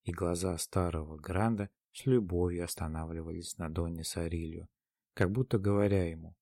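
A man narrating a dramatic classic story in a measured storytelling manner. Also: low-pitched, steady tone, warm tone, dry recording, clean studio sound. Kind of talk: dramatic audiobook reading.

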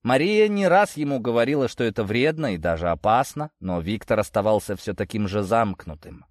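A man narrating an audiobook in an even, measured way. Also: fairly low pitch, no echo, studio quality.

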